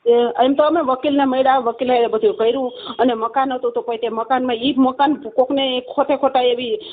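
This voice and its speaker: Middle-aged woman caller, high voice, rambling and hesitant, tinny phone line. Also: steady tone, normal speed. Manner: hesitant, rambling, restarts often. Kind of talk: phone call complaint.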